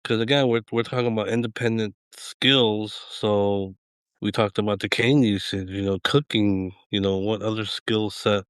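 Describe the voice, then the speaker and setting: A man's voice: fairly low pitch, fairly even intonation, moderate pace, clear, resonant tone, no echo, studio quality. A middle-aged man hosting a podcast, chatting in a laid-back, rambling way and chuckling often. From Eastern Washington. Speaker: podcast host. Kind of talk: casual chat.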